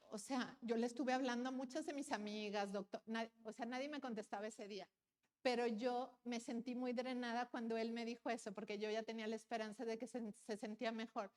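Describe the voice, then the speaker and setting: A woman's voice: on the high side, darkish tone. Earnest woman in a reverberant hall. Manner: earnest, plain storytelling with direct questions to the audience. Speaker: conference speaker. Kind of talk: personal testimony talk. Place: large conference hall.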